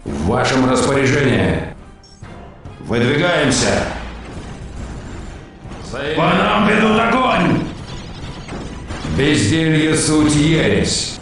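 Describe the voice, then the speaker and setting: An actor playing zealous, militant space marine troops in a video game, barking orders in a declamatory, commanding manner. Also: male voice, on the high side, very animated, slow pace, long pauses, full character voice. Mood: fervent, commanding. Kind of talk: video game unit voice acting, battle shouts. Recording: echoing, distant, under loud game music.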